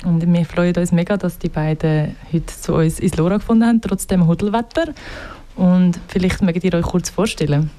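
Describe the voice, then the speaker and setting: A chatty Swiss woman hosts a live radio show from a studio. Her voice is mellow and soft-edged, and she laughs easily between filler words. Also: fairly low pitch, moderate pace. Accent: Swiss German.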